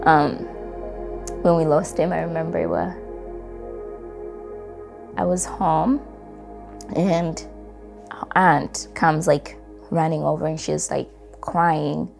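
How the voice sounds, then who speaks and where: A young woman from Congo recalls her life in a reflective, unhurried way, full of "like" and "you know." Her voice sits low with a gravelly, creaky edge. Music plays clearly underneath her. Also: fairly even intonation. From Democratic Republic of Congo. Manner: reflective, with frequent fillers and soft laughs. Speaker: interviewee. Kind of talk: personal storytelling.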